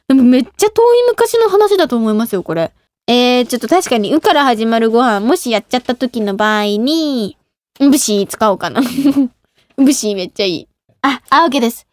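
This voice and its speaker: High-voiced young woman radio host. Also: a little mellow, no room sound. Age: 20s. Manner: giggly, laughs often at herself. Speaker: radio show host and idol. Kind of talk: casual radio talk.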